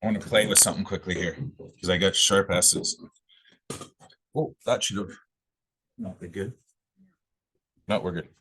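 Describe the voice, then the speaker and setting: Before presenting at a real estate office meeting, a man tests his own microphone on a video call, chatting in a casual, easygoing way. His low, slightly bright voice moves at normal speed with frequent pauses. There's a little hiss or hum.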